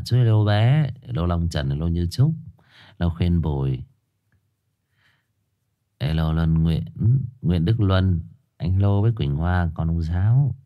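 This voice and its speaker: Host, young adult man, very low voice, stuffy nose, chatty livestream greetings before a story. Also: dark tone. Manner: greets viewers by name, chatty and joking. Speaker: host of a live horror story reading channel. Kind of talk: livestream chat and story introduction.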